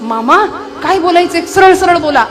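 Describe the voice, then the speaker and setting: A woman's voice: extremely high pitch, animated, moderate pace. A woman voicing an impatient, suspicious young prince who keeps pressing with demanding questions, with music accompaniment behind.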